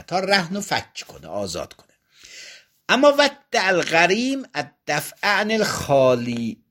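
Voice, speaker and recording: A man's voice: fairly high pitch, a bit bright, slightly rough. A man teaching Islamic jurisprudence, reading lines of a classical Arabic text and explaining them in casual Persian, acting out both sides of each dispute. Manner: reads Arabic text aloud, then explains it in colloquial Persian.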